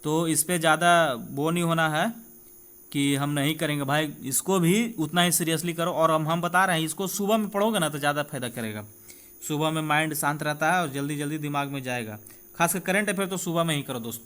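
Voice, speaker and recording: A man with a Bihari accent speaks in a fairly high, clear, resonant voice with a fairly bright tone and a brisk pace. In an informal exam-prep lesson, he reads out quiz questions, explains the answers, and talks directly to his students, checking in with them often.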